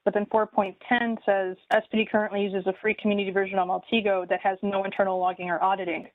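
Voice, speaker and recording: A woman's voice: mid-range voice, no room sound. A woman giving a detailed, methodical public comment at a city meeting. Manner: detailed, methodical, with many ums. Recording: tinny phone-like line.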